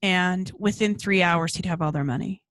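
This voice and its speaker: A woman co-hosts a podcast and recounts a story in casual chat. She talks with animated rises and restarts herself often. The sound is dry and close. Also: fairly low pitch, normal speed, dry recording. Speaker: podcast co-host.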